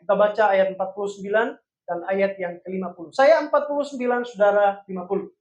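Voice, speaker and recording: A woman preaching a sermon to a congregation, speaking directly to them and swinging between hushed and emphatic delivery. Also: mid-range voice, highs cut off. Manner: addresses congregation as Bapak Ibu Saudara, dramatic swings in loudness.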